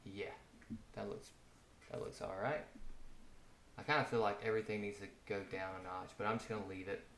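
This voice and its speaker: Low-voiced man thinking aloud while coding. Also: fairly even intonation, fairly quick, long pauses, a bit bright. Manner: thinks aloud, self-correcting while typing. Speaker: coding tutorial host. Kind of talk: casual screencast coding walkthrough. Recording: roomy home office, audible typing noise. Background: keyboard typing and mouse clicks.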